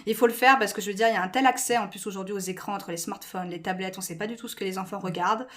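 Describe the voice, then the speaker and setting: A woman's voice: mid-range voice, fairly even intonation, very fast. A middle-aged woman with a French accent, chatting candidly and informally as an interview guest, often digressing and poking fun at herself. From France. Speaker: interview guest, school educator. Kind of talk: animated informal interview talk.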